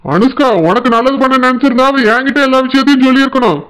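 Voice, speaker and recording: A man's voice: very high voice, rapid-fire, a bit bright, rough recording. A man voicing a stern, angry middle-aged village father who lectures indignantly with a Tirunelveli Tamil accent. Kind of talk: cartoon voice acting.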